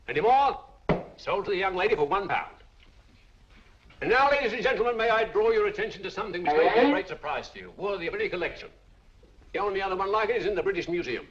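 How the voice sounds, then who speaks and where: A man's voice: high voice, noisy background. An actor playing a persuasive male auctioneer with a showy sales patter. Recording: dull old film soundtrack.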